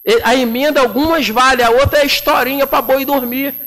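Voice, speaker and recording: Brief: high-pitched Brazilian councilman in his 40s, combative and slangy, speaking at a chamber desk mic. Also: steady tone, brisk, fairly bright tone. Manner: combative, indignant, with colloquial slang. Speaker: city councilman. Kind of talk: plenary floor speech. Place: municipal council chamber, indoors. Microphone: desk microphone.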